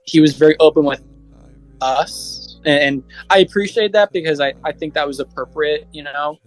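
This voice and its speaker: Flat-toned young man, earnest. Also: mid-range voice, low-quality recording. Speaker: college student interviewee. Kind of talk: casual interview answer.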